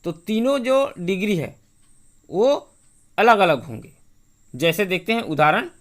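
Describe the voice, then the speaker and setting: A teacher giving a televised grammar lesson, asking quick questions and then answering them, and spelling words out letter by letter. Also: mid-range voice, sing-song.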